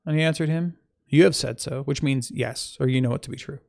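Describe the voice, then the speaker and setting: Gravelly man reading scripture aloud. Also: mid-range voice, fairly quick, darkish tone. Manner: stops to correct his slips and add informal asides. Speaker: Bible reader.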